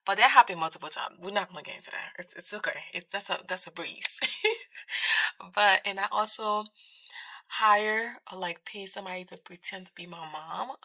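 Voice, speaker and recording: A young adult woman from Liberia in West Africa chats informally while doing her makeup in a small furnished bedroom, telling a storytime vlog-style with slang and emphatic repetition. Her mid-range voice is sharp-toned at normal speed, in a rough recording with no room sound.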